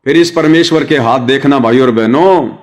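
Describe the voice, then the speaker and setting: A man's voice: mid-range voice, fairly quick, darkish tone. A man giving a devotional sermon, explaining with everyday examples and addressing his listeners as brothers and sisters. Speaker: devotional speaker.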